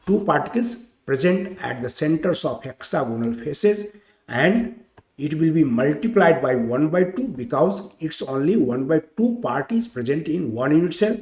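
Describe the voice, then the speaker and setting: A man teaching chemistry in a slow, deliberate lecture, repeating each point step by step. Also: a little high, animated, a little mellow, roomy sound.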